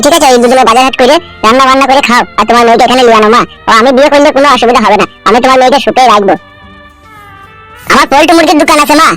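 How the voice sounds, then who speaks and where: A woman voicing an eager young son-in-law in a cartoon, who coaxes and flatters with repeated pleas. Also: high voice. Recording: faint background music.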